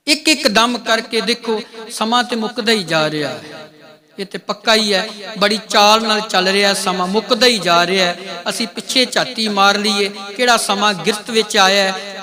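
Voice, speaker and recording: High-voiced Punjabi preacher before a crowd. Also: male voice. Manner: drawn-out chanted phrases with sung quotes. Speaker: kirtan preacher. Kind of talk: Sikh religious discourse. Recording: live crowd behind.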